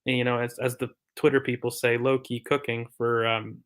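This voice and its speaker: Man, casual football podcast co-host, mid pitch, hesitant fillers, physio-style explaining. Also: level tone, normal speed, fairly bright tone. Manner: thoughtful, filler-heavy, explains from a physio view.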